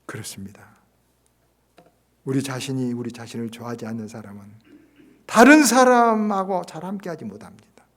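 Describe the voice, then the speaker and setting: A middle-aged male pastor giving a sermon, swinging from loud exclamations to hushed whispers and acting out quoted dialogue in a scolding tone. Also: mid-range voice, lively intonation, a little fast.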